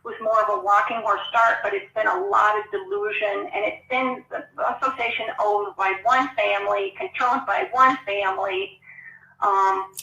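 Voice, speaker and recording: Bright, frank woman, echoey and distant. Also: mid-range voice, fairly even intonation, normal speed, vocal fry, dull audio. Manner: frank, chatty, laughs easily. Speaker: guest horse trainer. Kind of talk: casual interview answers.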